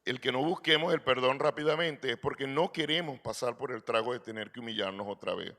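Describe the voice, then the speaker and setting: A man's voice: mid-range voice, brisk, sharp tone. A middle-aged man preaching a sermon in earnest, asking rhetorical questions and calling his listeners brother. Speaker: pastor.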